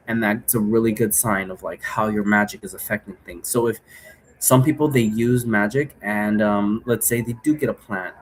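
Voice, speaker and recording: A man hosts an occult divination tutorial, walking viewers through it in a casual, rambling, repetitive way and checking in often. His voice is fairly low, with a little hiss or hum on the recording.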